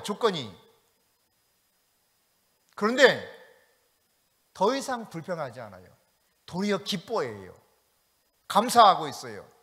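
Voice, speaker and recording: A man's voice: sits high, a bit bright. A male pastor preaching a sermon, reading scripture aloud and asking the congregation questions. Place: church sanctuary. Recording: long church hall reverb.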